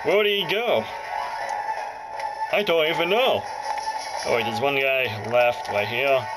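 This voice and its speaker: A man with a medium-pitched voice mutters short, casual reactions a little slowly while doing off-the-cuff Let's Play commentary. The recording is rough, with loud music and game audio from a handheld console playing over him.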